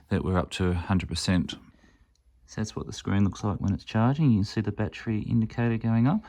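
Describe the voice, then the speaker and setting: A man with a fairly low, slightly mellow voice hosts an amateur radio review channel, walking through a product demo in a casual, hands-on way. He explains each step matter-of-factly, like the hobbyist reviewer he is.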